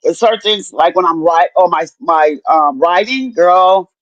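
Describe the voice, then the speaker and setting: A woman's voice: on the low side, unhurried, dry recording. Middle-aged woman, chatty guest, swears freely and acts out dialogue; dull, dry, lo-fi recording. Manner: animated storyteller, profane, acts out what people said. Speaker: guest telling her story. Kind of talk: casual chat.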